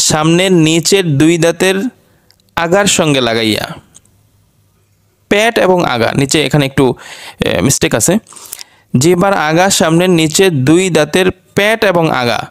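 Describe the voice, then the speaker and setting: A man's voice: a little high, clear, resonant tone, no room sound, clean studio sound. A man teaching Quran pronunciation, patiently repeating each letter sound several times. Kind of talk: lesson.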